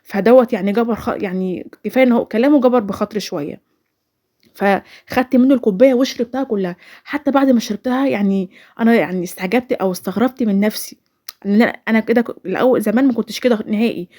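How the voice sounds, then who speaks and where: A woman in her twenties, a vlogger with an Egyptian Arabic accent, races through a chatty personal story in voice-over, rambling and restarting repeatedly. Her pitch is fairly high and her tone dark.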